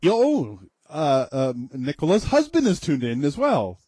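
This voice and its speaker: A man co-hosting an internet radio show in casual chat, jokey and quick to laugh, stumbling over his words. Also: on the high side, huge pitch swings, warm tone, no echo.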